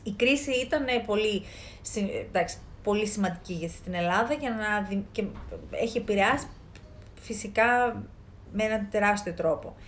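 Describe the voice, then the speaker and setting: A woman's voice: mid-range voice, slight background noise. A woman from Greece speaking as a life coach in an earnest motivational talk, emphatic and piling up repeated phrases.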